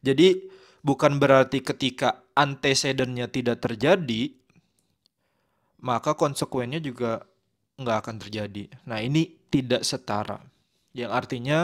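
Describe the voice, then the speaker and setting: A man teaching a lesson on logic in a relaxed, conversational way, with lots of fillers and tag words. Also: mid-range voice. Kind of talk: casual explanatory lesson.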